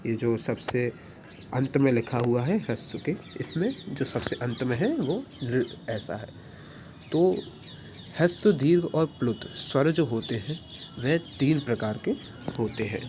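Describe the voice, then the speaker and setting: A man's voice: mid-range voice, lively intonation, a little slow, noisy background. Man teaching pronunciation patiently, sounding out letters. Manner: patient, demonstrates sounds aloud. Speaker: Sanskrit teacher. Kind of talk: explanatory pronunciation lesson.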